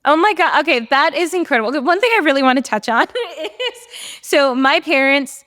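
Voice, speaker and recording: Bubbly young female podcast host, slightly high, dry close mic. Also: animated, a little fast, fairly bright tone, no echo. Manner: bubbly, gushing, laughs often. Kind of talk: casual podcast interview.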